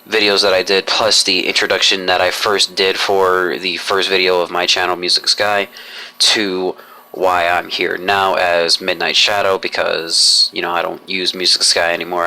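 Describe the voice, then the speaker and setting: A young man rambles through a vlog update in stiff, formal, roundabout sentences, stopping and restarting often. His voice sits low and moves very little, but it has a hard, bright edge. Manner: formal, long-winded phrasing with many restarts. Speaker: YouTuber.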